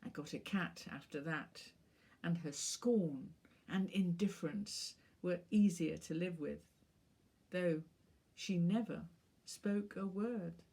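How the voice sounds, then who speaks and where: A woman author reading her own short story aloud in a measured, wry manner. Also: on the low side, vocal fry, warm tone.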